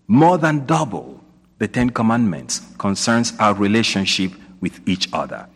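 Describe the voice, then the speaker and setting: Posing rising questions and repeating points for emphasis, a priest delivers a sermon in a lowish, husky voice. The long reverb of a large church hall gives his words a cathedral echo.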